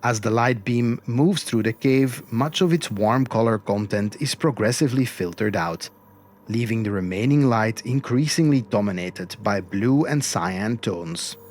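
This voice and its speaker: A man narrating an expedition documentary in a measured, reflective and earnest way, as its host. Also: mid-range voice, darkish tone, a little hiss or hum. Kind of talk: scripted documentary-style narration. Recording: music behind the voice. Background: music.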